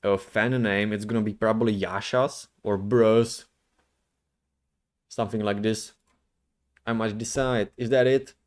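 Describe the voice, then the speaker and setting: A man chatting casually as the host of a livestream, rambling in a slangy, halting way. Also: fairly low pitch, fairly even intonation. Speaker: streamer, VTuber host.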